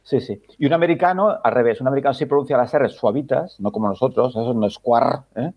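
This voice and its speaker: A man's voice: mid-range voice, fast, breathy edge, lo-fi sound. A man on a football podcast panel, explaining things patiently in casual chat, often ending with tag questions. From Spain. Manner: explains patiently, many filler "no?" tags.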